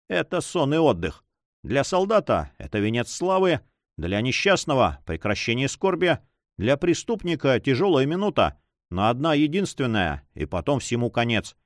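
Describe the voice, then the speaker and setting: A man voicing a cold, vengeful young count who speaks in a measured, quietly menacing way. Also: medium pitch, sing-song, no room sound, clean studio sound, natural voice.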